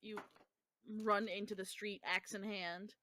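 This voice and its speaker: A woman running a tabletop game as game master, narrating in a relaxed, chatty way. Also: mid-range voice, measured pace, a little hiss or hum.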